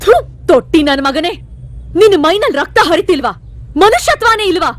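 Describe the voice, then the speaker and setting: A woman's voice: very high-pitched, lively intonation, moderate pace, no room sound. An actress playing a fierce young woman who furiously scolds and threatens a criminal.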